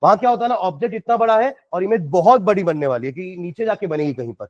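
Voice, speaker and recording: Teaching science in a classroom, a man with an Indian accent solves problems one step at a time and quizzes his students. His high-pitched voice is expressive and quick. There's no room sound, and the high frequencies are cut off.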